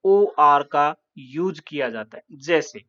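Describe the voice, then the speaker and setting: A man from India teaching a calm, patient lesson and spelling words out letter by letter. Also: fairly high pitch, slow pace, highs cut off. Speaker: English teacher. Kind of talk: classroom lesson.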